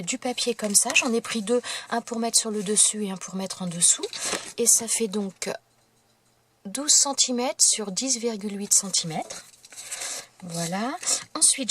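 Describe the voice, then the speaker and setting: A woman hosting a crafting tutorial, explaining each step in a casual, unhurried way while she works, often pausing to search for words. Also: medium pitch, noisy background. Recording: clicking noises behind.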